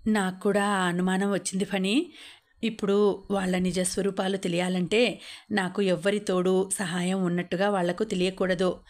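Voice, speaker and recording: A woman voices a calm, sensible young woman in an audiobook story. She speaks in a measured, gently firm way, at an even middle pitch. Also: lightly acted. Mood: composed.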